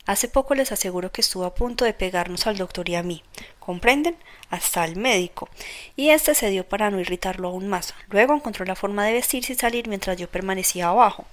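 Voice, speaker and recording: A woman's voice: medium pitch, fairly quick, natural voice. A woman reading the lines of a loyal, boisterous young male friend who talks bluntly and at length. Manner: blunt, talkative.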